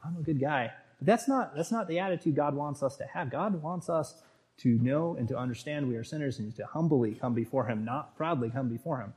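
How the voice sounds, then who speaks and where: A man in his thirties giving an informal sermon, talking in a halting way with many fillers and restarts, and reading scripture aloud at length. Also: medium pitch, a little mellow. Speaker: Bible study leader.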